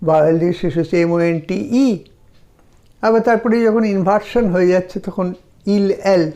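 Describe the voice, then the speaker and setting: A man with a Bengali accent teaching a language lesson, slowly drilling verb forms for listeners to repeat. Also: sits high, warm tone. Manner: slow, deliberate drilling of verb forms for repetition. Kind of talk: slow spoken language lesson.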